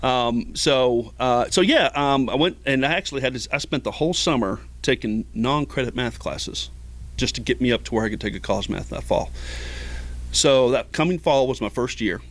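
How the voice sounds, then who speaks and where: A man's voice: mid-range voice, moderate pace. A middle-aged man, a ski patroller, telling stories in a casual interview, rambling with many fillers. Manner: rambling, many fillers, acts out quoted voices. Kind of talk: casual storytelling.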